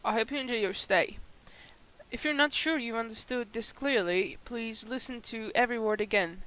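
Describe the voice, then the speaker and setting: A woman from Turkey with a Turkish accent, a native Turkish speaker, reading a scripted accent demonstration with careful, deliberate enunciation. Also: a little high, a bit bright, poor audio.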